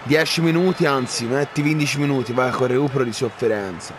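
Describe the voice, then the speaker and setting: A man commentating his own football game, excitable, shouting at chances and swearing at misses. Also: mid-range voice, fairly quick, background noise. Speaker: gaming YouTuber.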